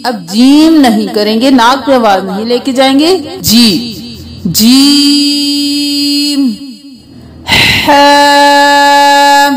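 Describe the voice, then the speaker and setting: A woman teaching a slow Quran reading lesson, explaining each letter patiently and drawing out the letter sounds for learners to repeat. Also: fairly high pitch. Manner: patient step-by-step instruction.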